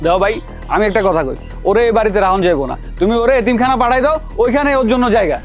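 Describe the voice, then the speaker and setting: An actor playing an agitated younger brother who complains loudly. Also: male voice, high voice, animated, racing, muffled recording, soft background music. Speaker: younger brother in a family drama. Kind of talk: television drama acting.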